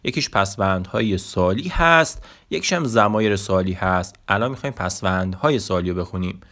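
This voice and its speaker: Low-voiced man teaching a language lesson. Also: animated. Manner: patient, repeats example sounds slowly and loudly.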